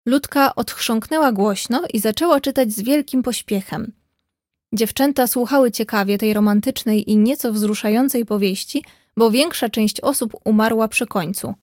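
A woman narrating a classic novel in an even, clear storytelling manner into a close mic. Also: fairly high pitch, normal speed, dry recording. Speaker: audiobook reader.

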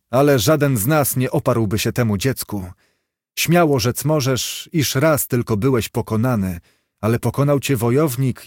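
A man voicing a stern, dignified king who speaks gravely and with command in a storybook reading. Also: mid-range voice, darkish tone, no echo, studio quality. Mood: solemn.

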